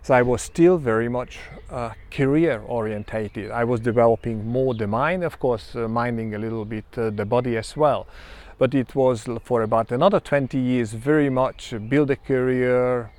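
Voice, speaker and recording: A man in his fifties with a Hungarian accent, giving a measured, reflective self-introduction with frequent pauses. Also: mid-range voice, darkish tone. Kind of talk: personal self-introduction monologue.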